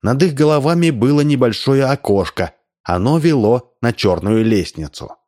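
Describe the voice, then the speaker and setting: A man reading a humorous story aloud as narrator, with lively, expressive delivery. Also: mid-range voice, normal speed. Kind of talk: audiobook reading.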